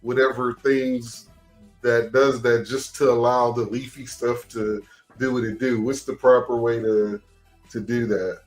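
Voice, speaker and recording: Guy hosting a podcast, talks slow, lots of uhs and ums, faint music under it. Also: mid-range voice, level tone. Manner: slow, hesitant questions with many fillers. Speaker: podcast host. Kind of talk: casual interview talk.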